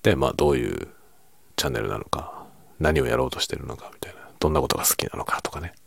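A man speaks in a quiet, nighttime murmur, chatting casually and keeping his volume down. His voice is extremely deep, with a husky, creaky grain. It is recorded close and dry, and now and then it slips toward a whisper. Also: animated, fast, dry recording. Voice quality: low, gravelly, husky. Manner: quiet, hushed low-volume talking as if at night, drifting into whisper. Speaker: video creator and host. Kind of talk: late-night casual soft-spoken chat.

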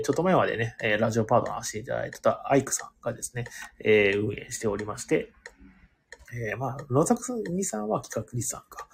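A man hosting a casual live audio stream, chatting loosely with lots of fillers and reading listener comments, his voice hoarse and fading. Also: mid-range voice, slight background noise. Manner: rambling and chatty, many fillers, talks to himself. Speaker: live audio stream host, board game venue owner.

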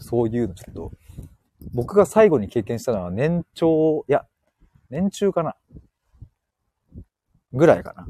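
Casting: male live-stream host, playful and quick to laugh, mellow husky voice, lively pitch, walking outside on an earphone mic. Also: no room sound, studio quality. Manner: playful, laughs often, joking. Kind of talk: casual live-stream chat reading listener comments. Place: outdoors, walking.

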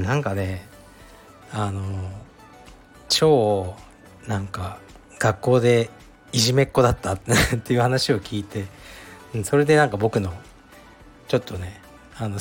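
A middle-aged man from Fukuoka, hosting a casual advice monologue in a frank, musing, self-deprecating way, thinking aloud with fillers. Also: medium pitch. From Fukuoka, Japan. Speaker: podcast host answering a listener.

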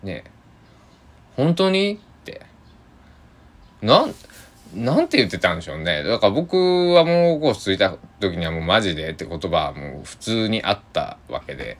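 A man's voice: deep voice, big pitch swings, brisk. A man hosting a solo podcast, talking in a rambling, hesitant, chatty way with a trace of Tosa dialect. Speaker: podcast host.

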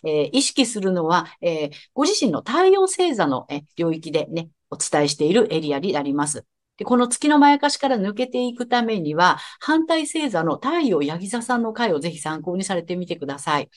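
A woman's voice: lowish voice, sing-song, brisk. A woman astrologer giving a podcast astrology reading, polite and explanatory. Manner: polite, explanatory, with soft agreeing murmurs.

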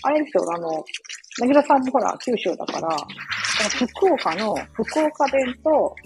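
A woman from Osaka hosting a casual live stream from her home kitchen, chatting in a rambling way full of fillers and quick apologies. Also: high voice, big pitch swings, background noise. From Osaka, Japan. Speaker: live audio stream host. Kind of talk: casual chat while cooking, reading listener comments.

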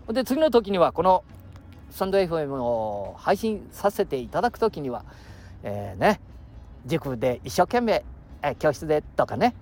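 A man in his sixties from Aichi with a Nagoya dialect, chatting on his own show outdoors by the sea, rambling and chuckling as he jumps between topics. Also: a little high. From Aichi, Japan. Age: 60s. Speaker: podcast host. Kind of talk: casual solo chat. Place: outdoors by the seashore.

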